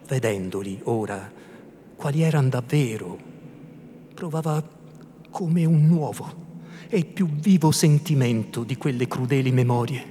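A man giving a theatrical reading of a classic novel, narrating in a measured storytelling manner. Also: mid-range voice, a little mellow. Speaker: reader. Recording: reverberant hall, faint room noise.

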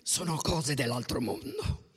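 Reader doing a loud, bitter gossiping old woman. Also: mid-range voice, huge pitch swings, a little slow, breathy edge, voice pushed down, full character voice. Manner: indignant ranting, shouting. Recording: long reverb.

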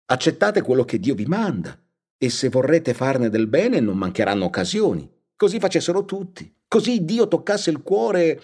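A man's voice: on the high side, very animated, normal speed, a little mellow, husky, voice pushed up, exaggerated voice. A man voicing a timid, fretful old village priest who whines and pities himself in an audiobook reading. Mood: complaining. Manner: whining, self-pitying.

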